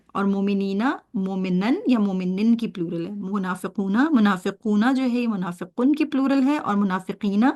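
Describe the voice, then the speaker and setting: A woman's voice: mid-range voice, darkish tone. Woman teaching Arabic grammar. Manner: drills word pairs, repeats key terms, checks understanding. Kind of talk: online grammar lesson.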